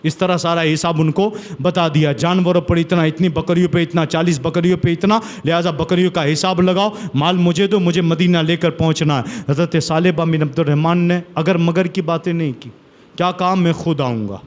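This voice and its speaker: A man with a high voice delivers a sermon from India, retelling stories with dramatic flair. He repeats phrases for emphasis and builds to strong, declaiming peaks. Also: fairly even intonation. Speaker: preacher. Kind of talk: sermon storytelling.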